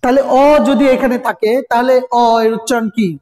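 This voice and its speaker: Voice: medium pitch, fairly even intonation, brisk, a little mellow. A teacher giving a recorded grammar lesson, constantly asking students rhetorical questions and repeating sounds. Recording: echoey room with long reverb.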